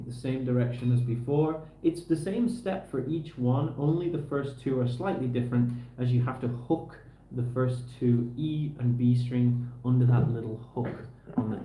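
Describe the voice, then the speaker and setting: Working hands-on to repair a guitar, a relaxed livestreamer talks casually to viewers and to himself in a tutorial manner. He has a dark, mid-range voice, and there's a roomy echo plus faint background noise.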